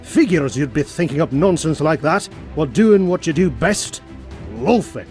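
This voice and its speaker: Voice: mid-range voice, expressive, normal speed, a little mellow, soft background music, lightly acted. A performer voicing a cantankerous, scolding old male duck, a rich miser in a cartoon comic dub. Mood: sardonic. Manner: gruff, scolding, insulting. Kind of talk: amateur comic dub acting.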